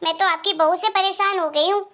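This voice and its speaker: A woman's voice: very high voice, steady tone, a little fast, fairly bright tone. A woman voicing a quarrelsome young married daughter who complains and scolds, in a Hindi moral story cartoon. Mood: scolding.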